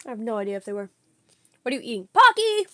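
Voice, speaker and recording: Young woman, high voice, very animated, casual streamer chatter, excitable, slangy. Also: quick pace. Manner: chatty, excitable, slangy, talks while snacking. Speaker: streamer reacting to a video. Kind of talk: casual live-stream reaction chat.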